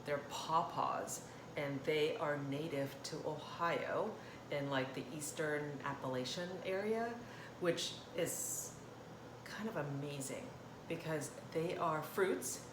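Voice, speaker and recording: A Thai woman with a low voice hosts a casual cooking demo for her channel, speaking slowly, rambling as she chats, and often cutting herself off. The indoor kitchen recording has a roomy echo, clear kitchen sounds, and clattering dishes and cutlery.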